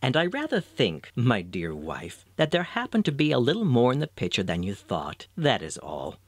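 Storybook old husband, warm and mild, read by a man. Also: mid-range voice, wildly swooping pitch, moderate pace, dry recording. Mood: gentle. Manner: warm, mildly teasing. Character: gentle old peasant husband.

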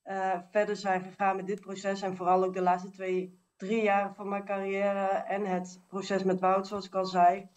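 A woman answers interview questions earnestly, pausing often as she talks. Her voice stays flat and even, and she sounds set back from the microphone. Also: mid-range voice. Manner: earnest, halting. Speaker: guest, technical manager. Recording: voice distant from mic.

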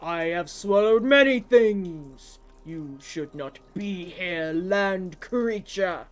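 A woman voicing a proud, distrustful giant male sea serpent with a slow, loud, booming delivery while reading game dialogue. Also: lively intonation, faint music behind. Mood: warning.

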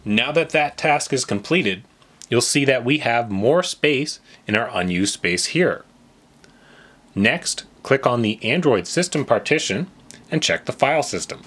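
Here a man with a medium-pitched, fairly bright and slightly rough voice speaks expressively and a little slowly. He narrates a software tutorial step by step, talking plainly and directly to whoever is watching.

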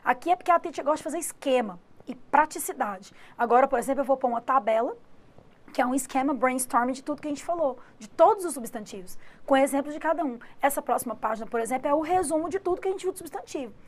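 Lively Brazilian woman teaching English. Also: high-pitched, quick pace. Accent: Brazilian Portuguese. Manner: lively, explains step by step with many tag questions. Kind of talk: online exam-prep lesson.

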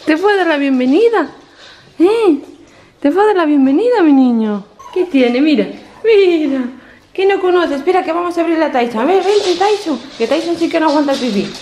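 A woman's voice: extremely high pitch, animated, normal speed, a little mellow, a little hiss or hum. A woman from filming a casual home vlog, cooing and gushing in baby talk at her pets and child. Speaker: vlogger. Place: home living room.

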